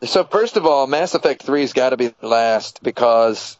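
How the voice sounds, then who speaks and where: A man's voice: medium pitch, expressive, measured pace, no echo. A man co-hosting a podcast, bantering in a joking, mock-serious way. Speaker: podcast co-host. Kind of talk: casual comedic chat. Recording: dull lo-fi audio.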